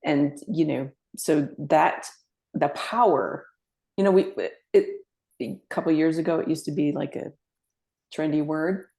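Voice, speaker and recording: A woman's voice: low-pitched, measured pace, vocal fry, mellow. A woman co-hosting a podcast, a former medium, speaking earnestly in casual conversation and often restarting her sentences. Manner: earnest, with frequent fillers and restarts.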